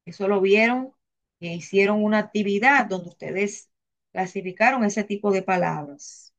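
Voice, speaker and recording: A woman with a Dominican accent teaches grammar to a classroom. She talks slowly and patiently, goes back over her points, and keeps putting questions to the students. Her voice sits at a middle pitch. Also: muffled recording. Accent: Dominican Spanish. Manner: slow, repeats herself, asks the class questions.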